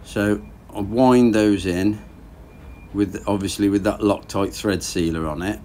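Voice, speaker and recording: Low-voiced man narrating engine work. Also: a little slow, a little hiss or hum. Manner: relaxed, plain-spoken, thinking aloud while working. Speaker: boat engine rebuild vlogger. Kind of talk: casual workshop narration. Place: garage workshop.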